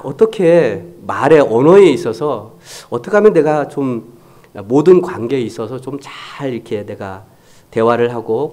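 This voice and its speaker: A man's voice: mid-range voice, darkish tone. A man preaching a Sunday sermon as pastor, talking conversationally, acting out quoted remarks and dropping to near-whispers for emphasis. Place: church sanctuary.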